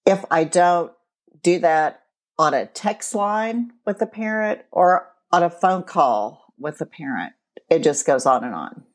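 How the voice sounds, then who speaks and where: A woman in her forties, co-hosting a podcast and explaining things in a measured way from her counseling work. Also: fairly low pitch, lively intonation. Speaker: podcast co-host and co-parenting counselor. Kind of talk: casual podcast chat.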